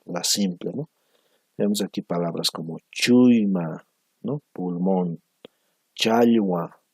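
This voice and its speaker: A man teaching a language lesson on speech sounds, talking in a slow, measured way and repeating syllables for pronunciation, often tagging phrases with a questioning "no?". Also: low voice, slightly rough, no room sound. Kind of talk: recorded lecture on phonetics.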